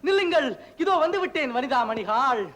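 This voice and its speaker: An actor playing a melodramatic henpecked husband in a classic film, with over-the-top comic wailing and mock-epic speech. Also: male voice, very high voice, animated, a little fast, fairly bright tone. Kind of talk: 1950s Tamil film acting.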